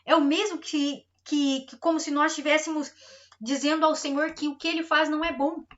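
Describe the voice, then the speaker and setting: A woman's voice: high voice, fairly even intonation, brisk, lo-fi sound. A middle-aged woman pastor preaching a sermon, emphatic and repetitive, acting out everyday complaints.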